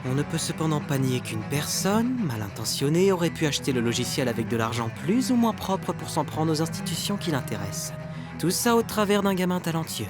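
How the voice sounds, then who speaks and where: A man playing a shrewd, cool-headed gifted youngster in a cartoon, measured and articulate. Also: on the high side, sing-song, over music. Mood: calculating. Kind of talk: animated cartoon dialogue.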